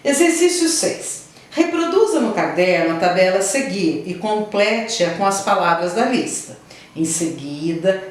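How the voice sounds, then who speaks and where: A woman teacher giving a lesson, explaining patiently and often checking in with her pupils. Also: fairly low pitch. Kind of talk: online class lesson. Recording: very echoey room, voice from a distance.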